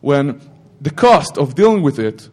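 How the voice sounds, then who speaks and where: A man's voice: a little high, sing-song, a little slow, a little mellow. A middle-aged man giving an informal technical talk at a security conference, rambling with self-corrections and joking asides to the audience.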